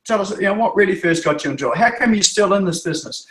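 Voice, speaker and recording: A web developer from Norfolk Island with a New Zealand accent answers interview questions in a chatty, rambling way, often restarting and repeating words. His voice is high-pitched and expressive, rapid-fire, and sounds reverberant.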